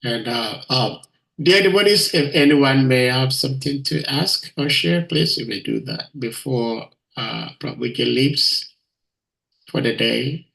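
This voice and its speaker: A man's voice: medium pitch, a little slow, gravelly, a bit bright, rough recording. A man from Ghana politely and hesitantly moderating questions in an online talk.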